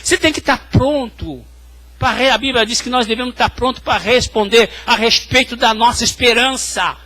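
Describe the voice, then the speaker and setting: At normal speed, a male pastor with a very high-pitched, pushed, bright voice preaches to his congregation, speaking to them directly and telling stories from the hospital.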